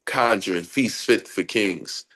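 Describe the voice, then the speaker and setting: Here a man with a lowish, unhurried voice appears as a poet guest, his speech stuffy and nasal because of a cold. His casual interview is full of laughter and expression, and he follows it by performing spoken-word poetry in a rhythmic way.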